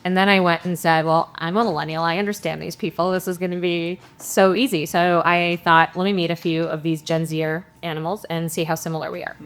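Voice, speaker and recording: A woman's voice: fairly low pitch, slight background noise. Upbeat joking woman CEO on a panel. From Ukraine. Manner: upbeat, joking asides, frequent "um". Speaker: company CEO on a conference panel. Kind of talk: conference panel talk.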